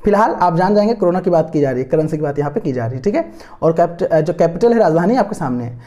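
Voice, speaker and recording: A male tutor talks students through memory tricks for an exam-prep lesson, circling back to repeat each key word. His voice is soft and mellow, with no edge to it. He fills gaps with hesitant fillers and keeps gently coaxing students to follow along. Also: a little high, lively intonation, fast talker. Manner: coaxing and encouraging toward students. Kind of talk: online lesson explaining memory tricks from slides.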